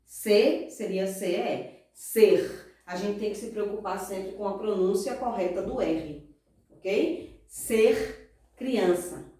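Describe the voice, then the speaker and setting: Slow echoey Brazilian teacher woman. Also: medium pitch, mellow. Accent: Brazilian Portuguese. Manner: slow, patient, spells out syllables and checks with "ok?". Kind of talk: recorded remote lesson correcting workbook exercises. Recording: very echoey room, voice from far off.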